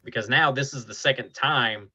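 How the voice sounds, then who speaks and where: A man hosting a casual podcast, retelling scenes in an animated way. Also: medium pitch, normal speed, dull audio. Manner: animated retelling with acted quotes. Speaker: podcast host.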